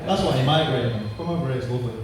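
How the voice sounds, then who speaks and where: Racing through his stand-up set in a mid-range voice, a Manchester comedian in his thirties fires off punchy, crude jokes. He's from England, performing on a noisy pub stage, picked up from a distance in an echoey room.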